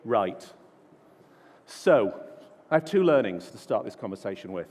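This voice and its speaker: A man's voice: fairly low pitch, big pitch swings, measured pace, darkish tone. A man giving an informal, self-deprecating keynote talk full of stories at a large conference. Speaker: conference speaker. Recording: long hall reverb.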